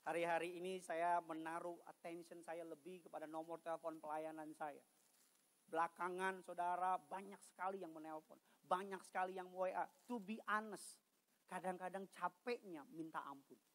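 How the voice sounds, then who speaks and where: A man preaching a sermon as a pastor in church, moving between quiet conversational asides and loud, emphatic passages, with humorous remarks and English phrases mixed in. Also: high voice, level tone, moderate pace, poor audio. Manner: mixes English phrases into his speech. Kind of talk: sermon at a midweek church service.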